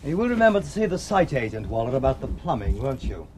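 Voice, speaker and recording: An actor playing a practical middle-aged husband and father in a British TV soap, speaking in a brisk, reminding way. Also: mid-range voice, sing-song, crowd noise, natural voice. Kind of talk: 1980s British TV soap acting. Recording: clear hiss, household noises.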